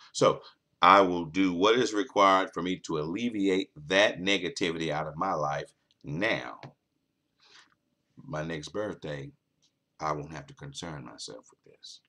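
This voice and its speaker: A man's voice: sits low, fairly bright tone. A man hosting a late-night talk show, delivering an earnest motivational monologue that repeats its key points for emphasis.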